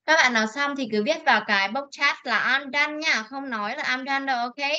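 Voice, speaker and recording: Woman, English teacher, online class, coaxing repeat-after-me drills, bright high voice. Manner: slow drawn-out model words for repetition, coaxing. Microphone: video call. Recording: lo-fi video call audio.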